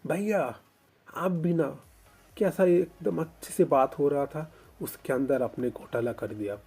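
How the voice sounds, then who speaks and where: A man's voice: a little high, a little slow, gravelly, dark tone, slightly rough, faint music behind, exaggerated voice. A man voicing a tearful young lover. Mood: whining. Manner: earnest, pleading, emotional. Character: young man in love, sobbing with joy.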